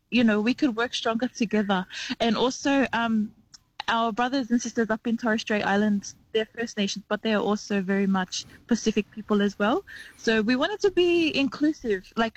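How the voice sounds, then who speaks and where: A woman's voice: on the high side, no room sound, poor audio. A young woman, a radio interview guest who explains earnestly and at length, with fillers along the way. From New Zealand, raised in Western Sydney. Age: young adult. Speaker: community program manager, guest.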